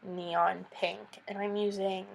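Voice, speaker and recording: A young beauty vlogger with a stuffy, nasal voice from a cold talks through a makeup tutorial voice-over, slowly and with vocal fry. Her medium pitch barely moves, the audio is poor, and she chats through each step with casual asides.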